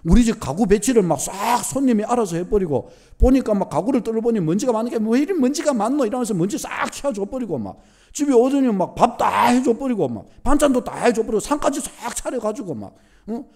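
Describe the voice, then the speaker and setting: A man with a Gyeongsang accent preaches a sermon, driving his points home by repeating them. His voice sits very high for a man and swings widely in pitch, and he leans on homely everyday stories. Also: fast talker. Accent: Gyeongsang Korean. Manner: animated, repetitive emphatic preaching with homely examples. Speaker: pastor.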